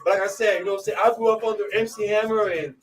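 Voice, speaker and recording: A man from Côte d'Ivoire hosting a live radio show, hyping listeners and filling every pause with "you know what I'm saying". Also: high voice, steady tone, far from the mic, soft background music, low-quality recording. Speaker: radio host.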